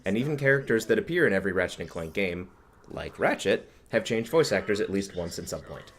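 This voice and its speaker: A man's voice: on the low side, very animated, a little fast, slight background noise. A man hosting a casual gaming commentary, chatty and explaining the game as he plays. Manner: chatty, explains game mechanics, laughs a lot. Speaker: let's play host.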